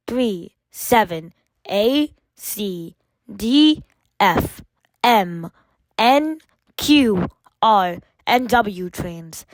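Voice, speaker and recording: The announcements come from a woman with a medium-pitched voice, read from a script like an automated train system, in measured set phrases and separate segments. No room sound is audible, though the recording is rough.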